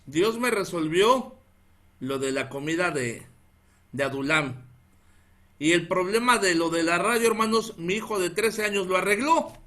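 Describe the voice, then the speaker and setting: Mexican pastor guy, northern accent, bright forceful voice, animated sermon story, keeps saying hermanos. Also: sits high, a little slow. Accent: northern Mexican Spanish. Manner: animated, keeps calling out "hermanos", laughs at his own story.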